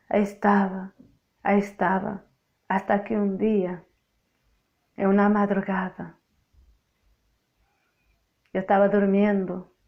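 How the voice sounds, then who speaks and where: A woman's voice: mid-range voice, darkish tone, dull audio. A woman from Portugal with a Portuguese accent, Portuguese native, giving an emphatic, repetitive spoken testimony sermon. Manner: emphatic, repeats phrases for effect.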